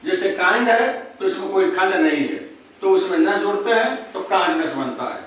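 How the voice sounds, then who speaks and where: A man from Uttar Pradesh teaching a grammar lesson, patiently repeating key terms slowly. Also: sits high, expressive, a bit bright. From Uttar Pradesh, India. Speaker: English teacher. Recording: very echoey room, distant mic, faint noise.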